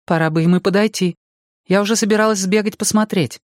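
Man voicing a high-pitched, practical woman. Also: steady tone, quick pace, dry recording, clean studio sound, lightly acted. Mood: concerned. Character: anxious, plain-spoken woman companion reporting urgently. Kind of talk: audiobook character reading.

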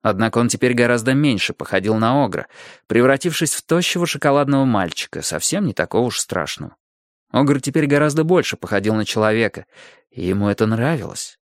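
A man narrating a fantasy audiobook in a steady, expressive storytelling manner. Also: mid-range voice, a little fast, no room sound, clean studio sound. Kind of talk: scripted narration.

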